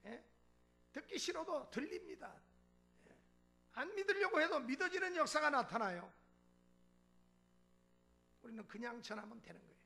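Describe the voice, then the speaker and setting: Speaking at a normal pace with long pauses, a man with a very high, gravelly voice preaches as pastor in a church sanctuary. He tells a story with animation, acting out the dialogue and chuckling.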